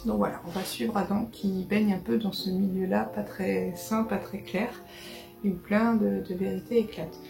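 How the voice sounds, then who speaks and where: A woman's voice: medium pitch, steady tone, moderate pace, creaky, mellow, echoey room, faint music behind. A woman casually chatting through a book haul, hesitant, with many fillers and restarts. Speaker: book vlogger.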